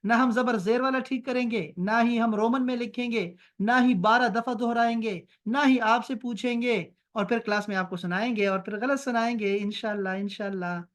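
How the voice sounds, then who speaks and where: A male teacher puts on a mocking impression of stubborn female students, piling up quick refusals. The tone is teasing and breathless, heard through a video call. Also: extremely high pitch, a bit bright. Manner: mocking, rapid protesting. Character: grumbling group of female students, mocked.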